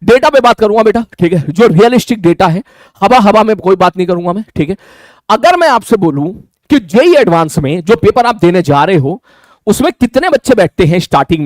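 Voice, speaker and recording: A man teaching a live online class, talking fast and repeating his phrases with frequent checks for understanding. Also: high voice, no room sound, studio quality.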